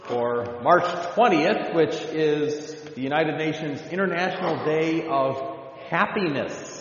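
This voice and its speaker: Slow, deliberate man in an echoey hall. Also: on the high side. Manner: measured, deliberate, with rhetorical questions to the audience. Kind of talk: address to a live audience. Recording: echoey hall, dull lo-fi sound.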